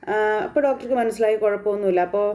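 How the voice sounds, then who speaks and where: A woman narrating a soap episode recap at a rapid clip, her voice mellow and soft-edged. She talks in a loose, chatty way and keeps linking events with little fillers. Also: medium pitch. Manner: chatty, colloquial, strings events with frequent fillers. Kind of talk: casual retelling of a TV serial episode.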